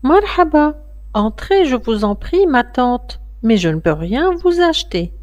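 A woman voicing a polite, kind little girl who speaks in a bright, courteous way. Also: high-pitched, big pitch swings, a little slow, lo-fi sound, pitched above the performer's own voice.

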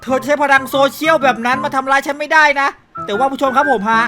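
A man giving playful, excitable gameplay commentary, laughing often and using crude slang. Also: extremely high pitch, fast talker. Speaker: gaming YouTuber. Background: background music.

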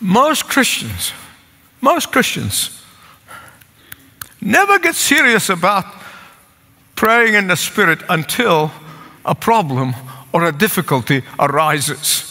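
Older man, Egyptian accent, earnest pleading preacher; high, bright voice; pulpit sermon in a reverberant sanctuary. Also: very animated, takes it slowly, long pauses. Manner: earnest, pleading, repeats phrases for emphasis. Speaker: pastor. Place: large church sanctuary with congregation. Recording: long church hall reverb.

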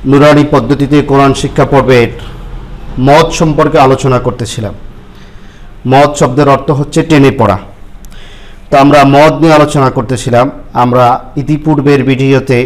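A man teaching Quran reading, explaining step by step and repeating syllables slowly for the listener. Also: mid-range voice, low-quality recording. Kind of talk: step-by-step lesson with spoken examples.

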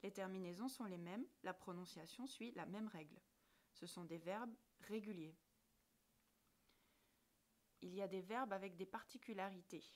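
A woman's voice: mid-range voice, moderate pace, long pauses. A woman teacher narrating a scripted grammar lesson, articulating each word carefully and spelling out letters one by one. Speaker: French language teacher.

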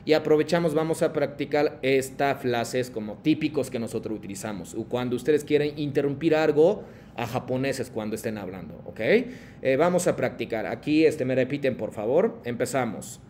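Male teacher, patient, mid-pitched, slight rumble on the line. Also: a little mellow. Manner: patient, calls on students by name, mixes Japanese prompts into Spanish explanations. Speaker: Japanese language teacher. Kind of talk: online class instruction.

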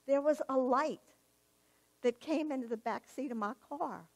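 A woman's voice: high-pitched, unhurried, husky. A woman giving a personal testimony in church, telling her story vividly and acting out the dialogue. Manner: animated storyteller, acts out quoted dialogue, laughs at herself.

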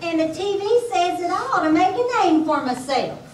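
A woman's voice: extremely high pitch, animated, brisk. A woman playing a young country cousin in an amateur church play. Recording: roomy hall, mic far off.

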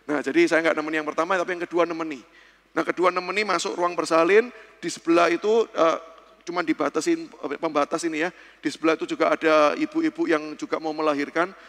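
Man in his thirties, pastor at a church seminar, lively storyteller, high bright voice, long hall reverb. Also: quick pace.

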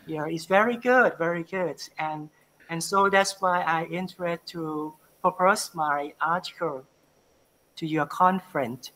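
A man from northeastern Thailand with a Thai accent, a university lecturer presenting his research and answering questions on a video call, halting and repeating words as he searches for them. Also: on the high side, sharp tone, low-quality recording. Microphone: video call webcam.

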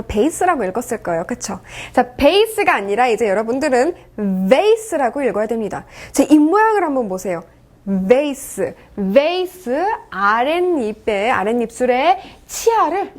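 Lively high-voiced woman teaching pronunciation. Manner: lively, coaching, repeats words slowly for the viewer. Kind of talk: online English pronunciation lesson.

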